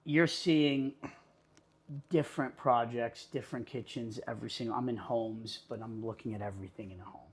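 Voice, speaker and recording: Upbeat interview host, man, mid-pitched, friendly run-on phrasing. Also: normal speed, slightly rough. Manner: upbeat, flattering, talks in long run-on lists. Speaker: podcast host. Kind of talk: conversational interview.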